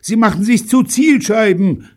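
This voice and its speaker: An audiobook narrator voicing a hot-headed boy who shouts high and harsh. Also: big pitch swings, a little slow. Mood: shouting.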